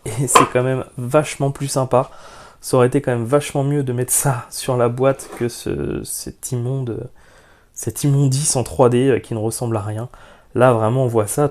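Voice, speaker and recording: Host: man, mellow voice, chatty unboxing vlog, hesitant and opinionated. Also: mid-range voice. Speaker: YouTube model-kit reviewer.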